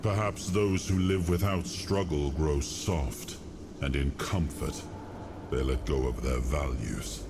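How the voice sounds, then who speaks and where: An actor playing a weary, proud king of legend who speaks in a grave, regal, deliberate manner in a game cutscene. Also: rumbling low, background noise, exaggerated voice. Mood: brooding, grave. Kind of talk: dramatic game cutscene monologue.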